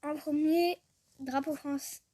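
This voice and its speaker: Chatty young woman, slow and giggly. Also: sits high, steady tone, dark tone. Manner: chatty, trailing off, with frequent giggles; sounds out foreign words haltingly. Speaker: vlogger. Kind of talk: casual screen-recorded chat.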